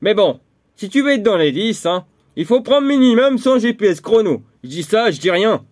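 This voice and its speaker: A man talks straight to the viewer in a loose, slangy way, rambling a little as he goes. His voice sits a bit high for a man. The tone is that of a casual how-to video. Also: big pitch swings, moderate pace. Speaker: video host. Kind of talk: casual how-to chat to camera.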